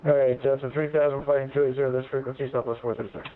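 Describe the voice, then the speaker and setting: A man speaking as a pilot over the radio, reading back clearances in short, clipped phrases. He talks quickly at a middle pitch and breaks in with hesitant fillers, with faint noise under his voice. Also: level tone, narrow, tinny audio. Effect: pilot talking over the radio. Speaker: airline pilot on a flight-sim network. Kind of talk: terse radio readbacks.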